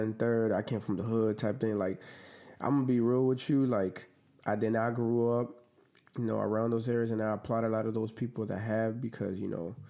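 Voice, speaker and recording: Speaking with vocal fry in a fairly low, dark voice, a man from the Dominican Republic appears as a podcast guest and clothing brand owner. The interview chat is casual, and he keeps it laid-back and slangy, full of fillers.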